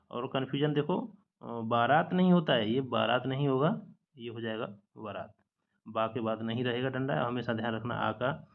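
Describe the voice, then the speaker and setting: A man's voice: mid-range voice, gravelly, phone-quality sound. A man teaching a spelling lesson from slides, patiently repeating each correct word and mixing English words into his explanations. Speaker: exam-prep teacher.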